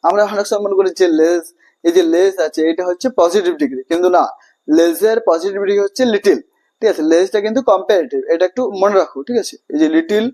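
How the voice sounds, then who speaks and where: High-voiced Bengali man teaching grammar. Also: fast, mellow. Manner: repetitive, checks understanding often, asks and answers own questions. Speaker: English teacher. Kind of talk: classroom grammar lesson.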